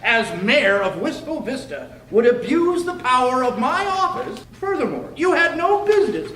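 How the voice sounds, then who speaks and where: Man playing a very high-voiced pompous mayor. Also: big pitch swings, bright, forceful tone, recorded from a distance, heavily acted. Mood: indignant. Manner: stuffy, wordy, halting. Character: pompous, formal male small-town mayor, easily exasperated. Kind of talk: old-time radio comedy acting before an audience. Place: clubhouse hall, live radio play performance. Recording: echoey live hall, off mic, noisy.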